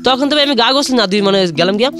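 Fast-talking high-voiced man. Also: music in the background. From Bangladesh. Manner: rambling, keeps saying "brother". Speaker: caller sharing a confession. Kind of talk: emotional personal storytelling on radio.

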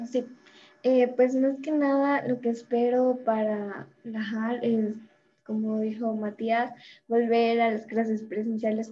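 Slow, soft-spoken teenage girl. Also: on the high side, muffled recording, a little hiss or hum. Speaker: student. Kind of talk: casual talk on a video call.

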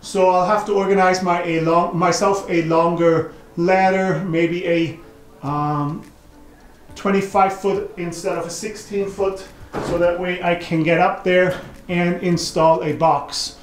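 A man in his forties narrates a walkthrough of an attic under renovation, thinking aloud and pausing with frequent ums. His voice sits fairly high for a man. The bare wooden space gives the sound a roomy echo. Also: faint music behind. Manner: relaxed, thinking aloud with many ums and restarts. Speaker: home renovation vlogger. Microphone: camera mic, often off-camera.

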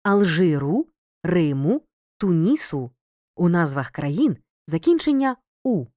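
A woman reading a scripted grammar lesson as a teacher, clear and measured, pausing between listed words. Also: on the low side, big pitch swings, darkish tone, dry recording, clean studio sound. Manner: clear, measured, reads word lists with pauses. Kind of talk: scripted educational narration.

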